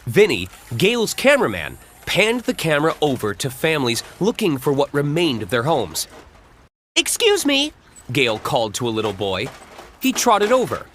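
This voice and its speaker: Expressive bright audiobook narrator. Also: medium pitch, normal speed, slight background noise. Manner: expressive storytelling.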